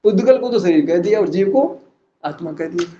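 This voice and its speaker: Guy with a high mellow voice preaching, lots of rhetorical questions, muffled hissy recording. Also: animated, moderate pace. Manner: teasing, rhetorical questions, laughs at points. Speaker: religious teacher. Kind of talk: Jain philosophical discourse.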